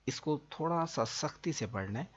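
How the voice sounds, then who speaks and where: Man teaching slow letter drills. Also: on the high side, animated, breathy edge, highs cut off. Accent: Pakistani Urdu. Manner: slow, drawn-out demonstration of letter sounds, then quicker explanation. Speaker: Quran reading teacher. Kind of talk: Quran reading lesson.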